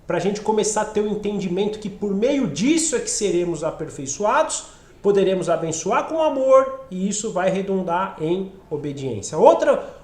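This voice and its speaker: Teaching a Bible study with a cold that roughens his voice slightly, a man with a Brazilian Portuguese accent keeps checking in with listeners, inviting them along and saying "né?" often. His voice sits high and a little mellow, and the recording has roomy echo.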